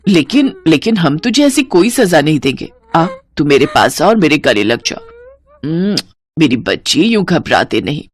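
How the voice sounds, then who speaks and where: A woman's voice: low-pitched, expressive, moderate pace. A woman voicing a kind older mother-in-law in a Hindi horror storybook, speaking in a soothing, motherly way. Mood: tender.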